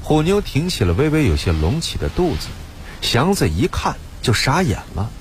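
A man's voice: medium pitch, huge pitch swings, moderate pace, a little hiss or hum. A man narrating a story in a scripted, storytelling manner.

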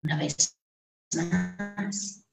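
Slow-paced woman in an echoey room. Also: lowish voice, little pitch movement, gravelly, faint music behind. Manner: unhurried short phrases with long pauses. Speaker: host leading a guided breathing meditation. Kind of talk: guided meditation, slow and soothing instruction. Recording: roomy, echoing sound.

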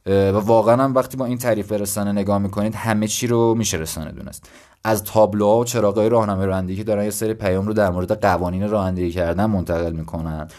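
On his own laid-back podcast, a twentysomething host from Iran speaks in a low, slightly mellow voice. He works through ideas out loud in a conversational way, poking fun at himself now and then.

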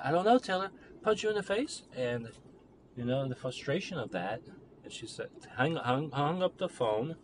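A young man with a deep, low voice talks through a relationship in a halting, rambling way, full of fillers and restarts. He sounds reflective. Clear background noise runs under his voice. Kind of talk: personal monologue about a relationship.

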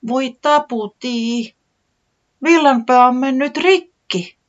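Casting: fretful little sick chick, high and wavering, as a reader puts it on; muffled recording. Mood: excited. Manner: high, excited and complaining. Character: small sick worried chick, easily upset.

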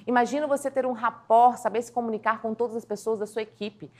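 A woman teaching communication skills in a lively video lesson, acting out little scenes as she goes. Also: a little high, fast. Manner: animated, acts out little scenes in quotes. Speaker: communication coach.

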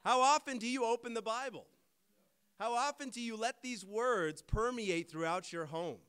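A male preacher delivers a sermon in a high, smooth and resonant voice. He talks with emphasis and keeps putting pointed rhetorical questions to his listeners. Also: moderate pace, pushed and bright.

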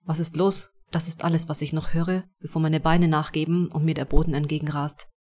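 A reader narrating a story in the first person. The delivery is steady and scripted, in the plain manner of an audiobook. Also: mid-range voice, a little fast.

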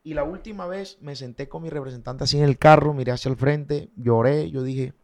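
A man's voice: a little high, a little fast. Storytelling coastal man. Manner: animated anecdote-telling with sound effects and acted dialogue. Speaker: singer, interview guest. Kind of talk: casual storytelling interview.

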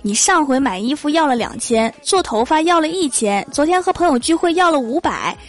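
A woman's voice: high-pitched, animated, fairly quick, voice pushed up. A woman voicing a stingy middle-aged husband who blusters and scolds. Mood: scolding.

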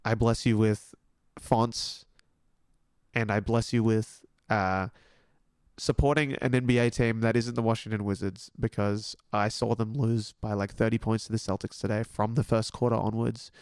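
A young Australian man hosting a podcast, chatting in a rambling, excitable way and swearing casually. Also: on the low side, moderate pace, clear, resonant tone, no echo, studio quality. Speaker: podcast host. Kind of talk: casual solo podcast chat.

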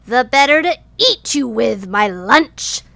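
A woman's voice: on the high side, very animated, slow pace, vocal fry, bright, forceful tone, no room sound, pitched above the performer's own voice, heavily acted. A woman voicing a wicked male wolf in disguise, coaxing and sweetly sinister.

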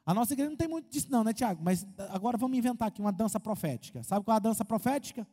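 A Brazilian man preaching as a pastor, animated, asking the crowd questions and acting out quotes. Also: sits high, rapid-fire. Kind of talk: lively sermon with humor. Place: church hall. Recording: long hall reverb.

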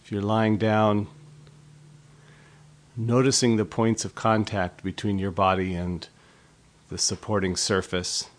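A male instructor guides a body scan meditation, speaking in a measured, gently instructive way and pausing between phrases. His voice is fairly low and changes little in pitch.

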